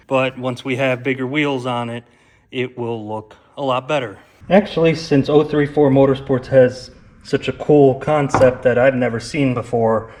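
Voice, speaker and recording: A man hosting a casual car vlog, calmly explaining each step as he works in a garage. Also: mid-range voice, slight background noise. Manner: relaxed, explaining step by step while working. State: out of breath. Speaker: car channel host.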